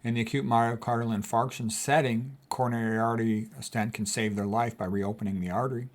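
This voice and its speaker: Reading quotations and reacting to them, a sixty-year-old doctor and host speaks in a casual, emphatic manner, repeating his main points frequently. He talks a little fast at a medium pitch, with fairly level intonation.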